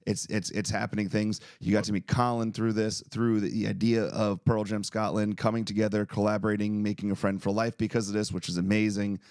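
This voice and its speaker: A podcast host on a video call with a low, gravelly voice. He rambles with enthusiasm. The sound is dry. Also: little pitch movement, fairly quick, hardly any pauses, a little mellow, dry recording. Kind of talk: casual chat.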